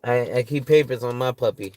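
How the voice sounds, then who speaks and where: A tired man in his forties, a financial advisor talking loosely and profanely through money tips, often checking in with "right?". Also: medium pitch. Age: 40s. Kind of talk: casual talk reading through financial tips.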